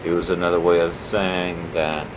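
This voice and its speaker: An older man reminiscing in a halting, deliberate way, pausing often as he is interviewed for an oral history. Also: little pitch movement. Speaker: interviewee, civil rights activist. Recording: noisy tape with low rumbling hum.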